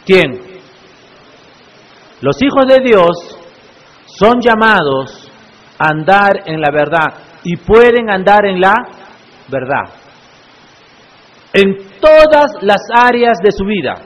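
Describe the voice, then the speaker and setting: A man's voice: sits high, very animated, slow pace, pauses often. A male pastor preaching a sermon in church, often putting rhetorical questions to the congregation. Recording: echoey church hall, muffled lo-fi sound.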